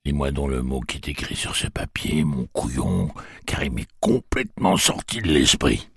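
A man voicing a gruff, crude adult male pirate who bawls and mocks. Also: rumbling low, big pitch swings, normal speed, dry recording, clean studio sound, heavily acted. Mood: mocking. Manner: loud, bawling, mocking and coarse.

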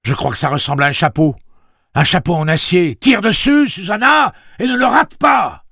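A man voicing a hardened male gunslinger, shouting urgent orders in a raised voice. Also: sits high, moderate pace, vocal fry, breathy edge, no echo, clean studio sound, voice pushed up, heavily acted. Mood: commanding.

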